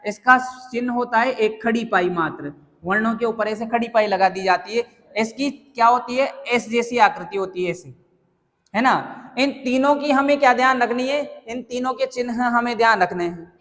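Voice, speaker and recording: A man's voice: very high voice, normal speed, fairly bright tone, long reverb tail. A man teaching a grammar lesson to a class, asking questions and answering them himself. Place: classroom with students.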